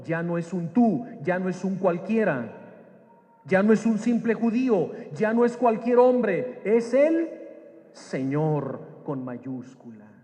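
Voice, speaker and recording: A man's voice: high-pitched, animated, takes it slowly, warm tone, big-room sound. A man preaching a sermon, telling personal anecdotes and asking his audience questions. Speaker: preacher and Bible teacher. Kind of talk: storytelling sermon.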